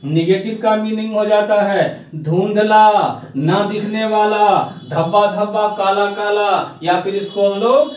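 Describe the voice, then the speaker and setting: A man teaching English grammar in a slow, emphatic classroom manner, drawing out English words. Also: high-pitched, steady tone. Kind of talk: classroom lesson. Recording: echoey room, far from the mic.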